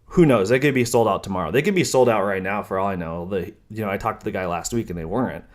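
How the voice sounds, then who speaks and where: A young man with a fairly low voice talks casually to his viewers, filling pauses with ums and restarting sentences. His tone stays chatty and loose, with a dry, sarcastic edge here and there. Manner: rambling, many ums and self-corrections. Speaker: car vlogger. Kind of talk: casual talking-head vlog.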